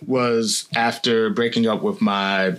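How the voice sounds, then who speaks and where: A man's voice: lowish voice, steady tone, slow pace, a bit bright. A man co-hosting a podcast, talking in a rambling, easygoing way with lots of "you know". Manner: rambling and easygoing, many fillers. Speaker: podcast co-host. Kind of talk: casual candid chat.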